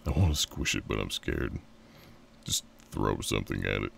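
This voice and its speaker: A man's voice: extremely low pitch, expressive, normal speed, vocal fry, fairly bright tone, recorded from a distance, a little hiss or hum. A man streaming a horror game live, chatting casually with his viewers and laughing often.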